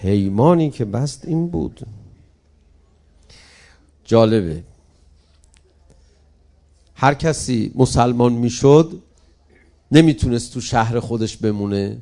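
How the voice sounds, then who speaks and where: A man's voice: medium pitch, lively intonation, pauses often, warm tone. A male preacher giving an emphatic sermon, speaking directly to his congregation and moving into a mourning recitation.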